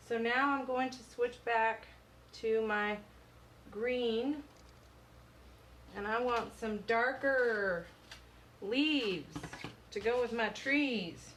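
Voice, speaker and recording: A woman's voice: fairly high pitch, a bit bright, rough recording. Southern lady doing a live painting lesson on her phone, chatty, narrating every step, bit of background hiss. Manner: loose, chatty, talks through each step. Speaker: painting instructor. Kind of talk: live-stream painting tutorial. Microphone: phone on live stream.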